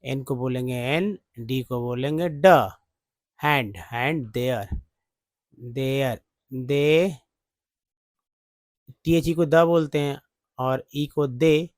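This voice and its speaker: Slow patient male English tutor. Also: medium pitch, no echo. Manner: slow, repeats each sound many times. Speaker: English teacher. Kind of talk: spelling and pronunciation lesson.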